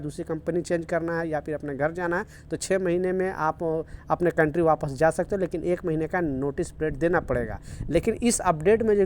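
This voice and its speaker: A man's voice: fairly high pitch, darkish tone. A man giving casual video news updates for workers in the Gulf, earnest and repetitive, urging viewers to take care. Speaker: news vlogger for workers in the UAE.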